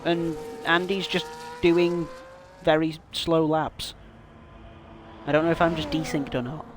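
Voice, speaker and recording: Joking sim race commentator over engine noise. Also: male voice, on the high side, level tone, a little slow. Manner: rambling and joking, swears freely. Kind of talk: unscripted race commentary with a friend.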